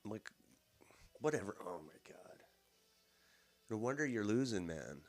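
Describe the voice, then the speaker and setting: A man's voice: lowish voice, expressive, measured pace, a little mellow, soft background music. A man hosting casual political commentary, mocking and swearing as he reacts to clips and mimics politicians in a sing-song voice. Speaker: host.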